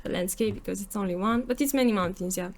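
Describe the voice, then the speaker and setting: A woman's voice: medium pitch, fast. A woman with a Romanian accent chatting casually as an interview guest, playful and joking, acting out little quotes. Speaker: podcast guest, software developer. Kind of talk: casual conversational interview answers.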